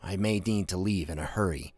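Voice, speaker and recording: A man's voice: low-pitched, brisk, a little mellow, no echo. Man doing a terse, determined man. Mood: firm. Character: determined grown man, restrained anger.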